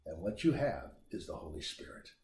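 A man preaching a sermon, emphatic and animated, rising and dropping his voice for effect. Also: low-pitched, fairly quick, roomy sound. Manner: animated, emphatic preaching with big swings in loudness.

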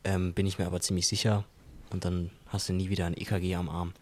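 A man's voice: low-pitched, little pitch movement, fast talker, a little mellow, a little hiss or hum. A young man co-hosting a podcast who is slightly tipsy. He teases his co-host and throws in frequent exclamations. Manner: teasing, lots of exclamations. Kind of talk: casual chat.

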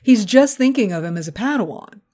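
Lady podcaster swearing and joking through an episode recap, mid-pitched. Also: fairly quick. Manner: animated, profane and joking. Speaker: podcast co-host. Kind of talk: casual chat recapping a cartoon episode.

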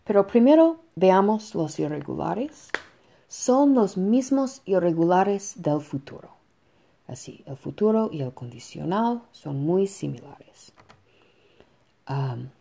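A woman teaching a Spanish lesson to students, explaining slowly and patiently with soft fillers between points. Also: deep voice, gravelly. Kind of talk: recorded online lesson.

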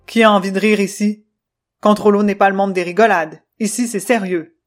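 A woman voicing a strict, controlling male machine character who speaks in a jerky, choppy, robot-like way, loud and clipped, in a children's storybook. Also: mid-range voice, fairly even intonation, normal speed, faint music behind, natural voice. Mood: stern.

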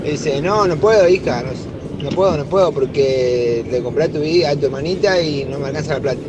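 A man's voice: fairly high pitch, brisk, background noise. A man with an Argentine accent telling a long joke as a caller, rambling and repeating himself. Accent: Argentine Spanish. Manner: rambling storytelling with repeated "le dice".

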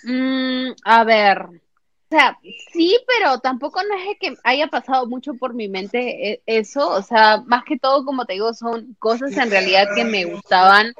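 Woman, young adult, Peruvian Spanish accent, podcast co-host, self-mocking chatter, fairly high voice, muffled lo-fi mic. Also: animated, a little slow, fairly bright tone, no room sound. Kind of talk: casual chat. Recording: dull lo-fi dry mic.

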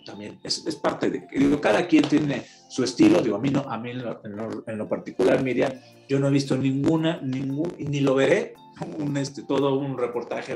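A man, an announcer and storyteller, explaining as an interview guest in an expressive way. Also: mid-range voice. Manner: expressive, acts out examples with drawn-out cadence. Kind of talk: explanatory conversation. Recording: roomy echo.

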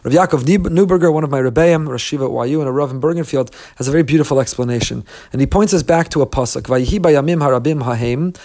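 A man's voice: a little high, very fast, few pauses, dark tone. A middle-aged man giving an audio lesson on prayer, explaining earnestly with rhetorical questions and Hebrew terms. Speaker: rabbi teaching prayer.

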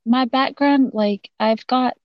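A woman with a Southern Texan accent talks as a podcast guest, easygoing and quick to laugh. Her audio sounds slightly dull and muffled. It is dry, with no room sound. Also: high voice, steady tone, no echo. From Texas. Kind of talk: casual podcast chat.

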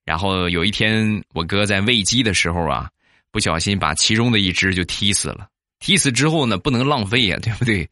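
A man's voice: lowish voice, fairly quick, bright, forceful tone, dry recording, clean studio sound. A man from Shandong telling funny personal anecdotes in a chatty way and often asking listeners to agree. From Shandong, China. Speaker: comic storyteller. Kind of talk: comic anecdote narration.

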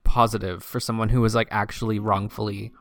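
A man's voice: fairly low pitch, flat delivery, fairly quick, no room sound. A young man co-hosting a casual chat, blunt and sarcastic, swearing freely. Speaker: podcast co-host.

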